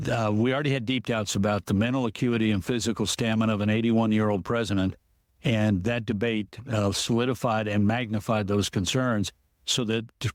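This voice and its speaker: Man breaking down politics on a podcast, talks it through steady, pretty dry mic. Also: lowish voice, no room sound. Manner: measured, explanatory, often restarts sentences. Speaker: political analyst guest. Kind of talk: podcast interview.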